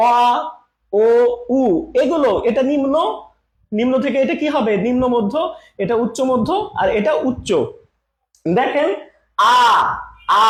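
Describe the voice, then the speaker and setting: A man teaching an online grammar lesson, who repeats sounds slowly and keeps asking the viewer questions. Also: extremely high pitch. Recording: echoey room.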